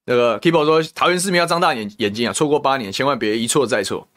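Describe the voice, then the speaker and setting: This Taiwanese Mandarin-accented host talks fast in a mid-range, somewhat bright voice. On his political talk show he vents with heated, indignant commentary, full of rhetorical questions and name-calling.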